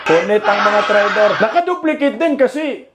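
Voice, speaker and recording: A Filipino man doing laughing, mocking reaction commentary over protest footage, jeering and shouting exclamations. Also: high voice, animated, moderate pace, heavy background noise. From Philippines.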